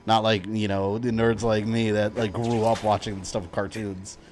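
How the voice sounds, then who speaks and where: A man's voice: fairly low pitch, level tone, moderate pace, a little mellow, a little hiss or hum. A man in his thirties chatting casually as a live streamer, fannish and rambling while he plays. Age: 30s.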